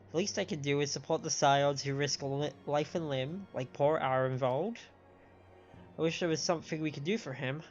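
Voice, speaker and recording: A streamer with an androgynous, mid-pitched voice reads game dialogue aloud and adds commentary, occasionally stumbling over the written lines. The audio, picked up by a stand-mounted microphone, is slightly dull, with game music playing underneath.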